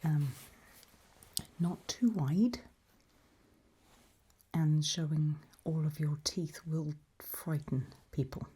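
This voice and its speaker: Woman in slow, breathy ASMR role-play, eerie undead guide. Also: sits low, heavily acted. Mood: calm, quietly menacing. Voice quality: breathy, husky soft voice. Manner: slow, patient, softly instructing. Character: gentle, eerie undead woman patiently retraining the recently returned.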